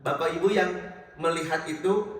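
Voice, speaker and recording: A middle-aged man preaching in a mosque, telling stories lively and often addressing his listeners directly. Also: on the high side, normal speed. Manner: lively storytelling, addresses listeners as Pak and Bapak Ibu. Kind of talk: mosque religious lecture. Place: mosque hall. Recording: very echoey hall, mic far off.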